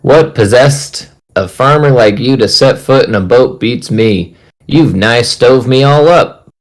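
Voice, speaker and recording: A man voicing a fat, tubby, grumpy old fisherman in a put-on Northeastern US accent, snapping and scolding in a raised, higher voice. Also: measured pace, lightly acted.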